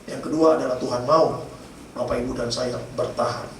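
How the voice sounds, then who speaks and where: A man's voice: medium pitch, fairly even intonation, a little fast. A man preaching a sermon as pastor, telling stories with humor and addressing the congregation directly. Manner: storytelling with humor, addresses congregation as Bapak Ibu. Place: church. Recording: echoey church hall from far off, noisy.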